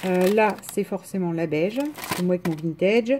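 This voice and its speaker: A woman with a rural French accent talks casually to her viewers at home, rambling and restarting her sentences. Her voice is mellow and dark. A faint hiss sits under the recording. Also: lowish voice, moderate pace. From France. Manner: chatty, rambling, frequent hesitations and restarts. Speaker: vlogger showing a craft haul.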